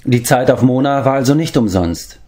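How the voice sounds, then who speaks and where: A man's voice: medium pitch, expressive, normal speed, dark tone, voice pushed up, natural voice. Man doing a grave old enchanter. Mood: fond. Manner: heavy, solemn.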